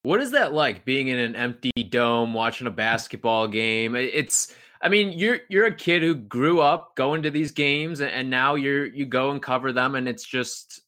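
A man co-hosts a sports podcast and thinks out loud while he builds his questions. His tone is bright and forward. His pitch sits in the middle. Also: expressive, moderate pace, few pauses. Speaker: podcast co-host. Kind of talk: casual podcast chat.

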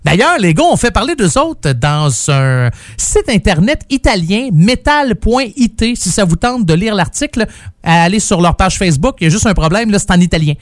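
A man's voice: high-pitched, very animated, normal speed, no echo, studio quality. A man hosting a rock radio show, chatting casually and jokingly, rambling with many fillers. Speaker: morning radio host.

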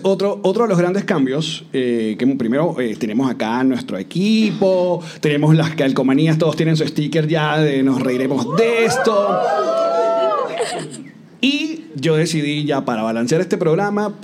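A man's voice: fairly high pitch, sing-song, moderate pace, very noisy. A young man co-hosting a casual comedy podcast, joking and rambling with lots of fillers, in a hotel room with a live audience. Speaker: podcast co-host.

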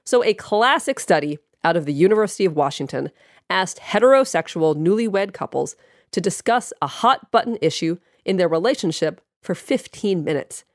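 A woman's voice: on the low side, animated, moderate pace, no room sound, clean studio sound. A woman hosting a scripted advice podcast in a chatty, playful way, her voice froggy and congested as she gets over a cold. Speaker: podcast host, psychologist.

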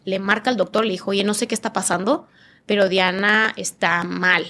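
A woman's voice: medium pitch, steady tone, moderate pace, bright, forceful tone. Mexican woman telling a vivid story. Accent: northern Mexican. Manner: vivid storytelling, acting out quoted dialogue in changed voices. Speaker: podcast guest, nutritionist. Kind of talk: emotional personal testimony.

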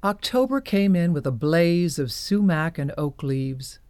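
A woman narrating an audio drama in a measured storytelling manner. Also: low voice, lively intonation, a little mellow, no echo, clean studio sound.

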